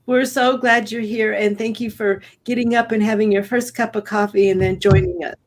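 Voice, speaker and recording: An upbeat woman hosts a live online broadcast, welcoming guests with bubbly enthusiasm and a lot of ums. Her pitch sits in a middle range. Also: fairly even intonation, moderate pace. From United States. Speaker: co-host.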